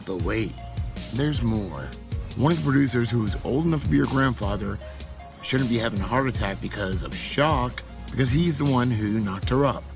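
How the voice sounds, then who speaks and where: A man's voice: medium pitch, expressive, moderate pace, vocal fry. A man narrating a scripted commentary video, reading out dates and reports one after another. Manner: reads out dates and reports in order. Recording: clip with music playing behind.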